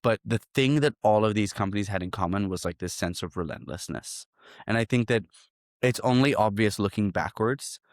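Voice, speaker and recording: Male guest from Hong Kong, low voice, dry close sound, reflective and relaxed, repeats phrases. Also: no echo. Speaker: guest, startup founder. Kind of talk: casual interview.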